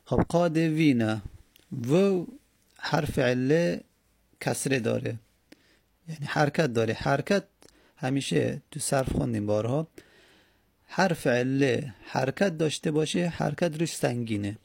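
A man's voice: mid-range voice, vocal fry, pauses often, darkish tone, slightly rough, no room sound, clean studio sound. A man teaching a grammar lesson, patiently repeating and drawing out words as he explains.

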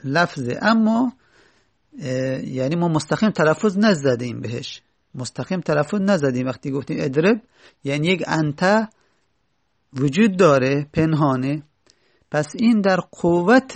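Man, grammar teacher, fairly high voice, gravelly, reads a line then explains it. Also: lively intonation, long pauses. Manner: reads Arabic lines, then explains them step by step. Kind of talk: explaining an Arabic grammar text.

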